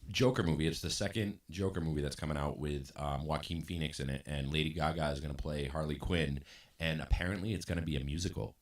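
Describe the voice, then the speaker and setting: A podcast host with a rumbling low voice talks fast in a casual chat. He rambles, using lots of fillers and restarting his sentences.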